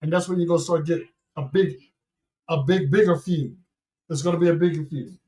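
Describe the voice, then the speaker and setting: A man hosting a watch-party stream, calling the action excitedly and giving blunt opinions in a casual chat. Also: fairly high pitch, fairly quick. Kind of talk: casual live-stream commentary.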